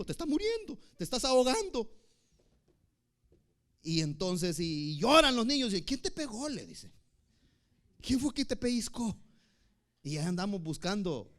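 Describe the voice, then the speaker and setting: A man preaching a sermon as pastor, swinging from shouted peaks to hushed asides and acting out pleas in a crying voice. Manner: acts out quoted pleas in a high crying voice.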